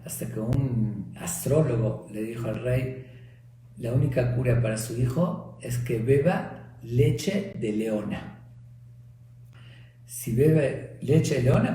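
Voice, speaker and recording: A man's voice: medium pitch, dark tone, a little hiss or hum. A man, a rabbi, teaching a lesson by telling a parable at a storytelling pace. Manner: storytelling, with restarts. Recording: echoey room.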